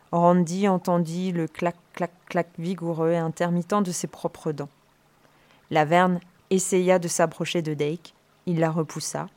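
A woman reading a novel aloud in steady, measured storytelling. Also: deep voice. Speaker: reader.

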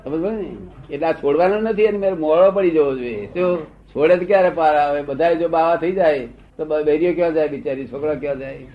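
A man's voice: fairly high pitch, a little fast. A man giving a spiritual discourse, often stopping to ask his listeners whether they have understood. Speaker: spiritual teacher. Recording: dull lo-fi old recording with faint hiss.

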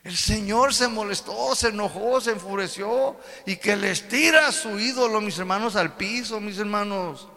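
A man preaching an animated sermon, putting questions to his congregation again and again. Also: high voice, normal speed, hardly any pauses. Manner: animated, repeats "my brothers", asks the congregation questions. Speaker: pastor. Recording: long hall reverb.

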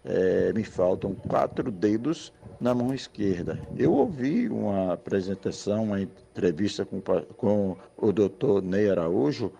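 Gravelly low man in his fifties calling in. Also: animated, measured pace, hardly any pauses, mellow, dull audio. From Brazil. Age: 50s. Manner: polite, hesitant, with restarts. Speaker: caller. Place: phone call.

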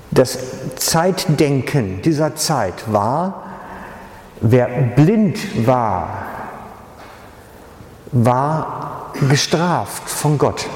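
A man's voice: medium pitch, darkish tone. A male pastor, preaching a sermon with dramatic storytelling. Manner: dramatic storytelling, acting out voices. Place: church hall. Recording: echoey reverberant church hall.

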